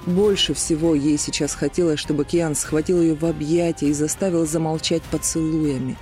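A man narrating an audiobook with even, measured storytelling. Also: fairly high pitch. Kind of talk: scripted narration of a romance novel.

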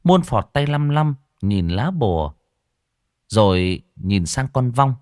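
A man's voice: medium pitch, big pitch swings, slow, darkish tone, dry recording, clean studio sound. A man narrating a ghost story with vivid, dramatic telling.

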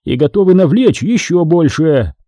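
Мужчина играет властного жестокого владыку ситхов. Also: male voice, a little high, expressive, normal speed, dark tone, dry recording, studio quality, pitched above the performer's own voice. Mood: commanding. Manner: imperious, commanding. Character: cruel commanding male Sith lord.

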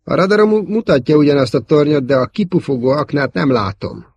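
A man's voice: mid-range voice, steady tone, warm tone, slightly rough, no room sound, voice pushed up, close to an everyday voice. A man voicing a worried, cautious young male wingman pilot who reports tensely. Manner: anxious reports.

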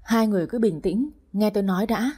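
A woman voicing a hesitant, weak-willed older husband caught between wife and mistress, with a husky voice. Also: mid-range voice, a little fast, mellow, lightly acted. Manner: hesitant, pleading.

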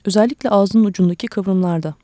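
A woman reading a literary short story aloud for radio, with a calm, measured delivery. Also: mid-range voice, no room sound, clean studio sound. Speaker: story reader.

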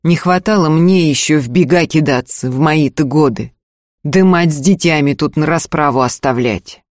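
A man reading an audiobook, voicing a stern, hot-tempered older peasant father who scolds in loud bursts. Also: a little high, moderate pace, no echo, studio quality, lightly acted. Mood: fierce.

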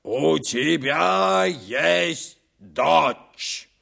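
A man's voice: on the high side, lively intonation, fairly bright tone, full character voice. An actor playing a shifty working-class male informer, whose words come back as a hollow echo from far off, as if called into a cave. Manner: slow, gravelly, self-justifying.

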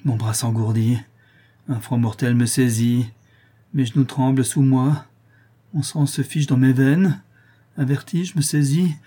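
A man's voice: medium pitch, fairly even intonation, moderate pace, dark tone, husky, natural voice. A man doing a stern, scheming accomplice. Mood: faltering. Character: stern male accomplice, later dying.

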